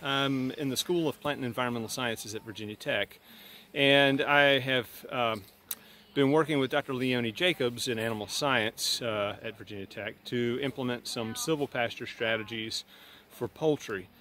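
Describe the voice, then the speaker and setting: A man's voice: medium pitch, normal speed, pushed and bright, slight background noise. A middle-aged man, a university plant scientist, explaining things outdoors on a farm in a thoughtful way with many fillers.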